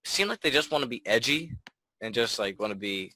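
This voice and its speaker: A man's voice: medium pitch, lively intonation, fairly quick, dry recording, poor audio. Teen guy rambling on a podcast, tons of "like"s, cusses, mid voice, super dry mic. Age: teens. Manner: rambling, filler-heavy, swearing, trailing off quietly. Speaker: podcast co-host. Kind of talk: casual chat.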